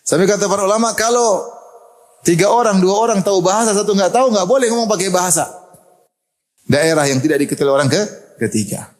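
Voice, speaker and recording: A middle-aged Indonesian man delivers a sermon in a lively, joking way and laughs often. His voice sits a little high for a man. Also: fairly quick. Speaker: preacher.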